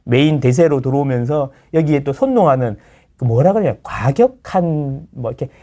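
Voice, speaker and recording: A man's voice: medium pitch, lively intonation, moderate pace, mellow. A middle-aged man, a real estate lecturer chatting casually as a guest, explaining with everyday analogies and acting out the people he quotes. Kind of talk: casual chat.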